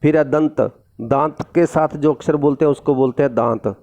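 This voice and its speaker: A man's voice: on the high side, steady tone, moderate pace, a little mellow, lo-fi sound. A man teaching a recorded Hindi grammar lesson, reading a textbook line and then explaining it in plain everyday words, with a Rajasthani Hindi accent.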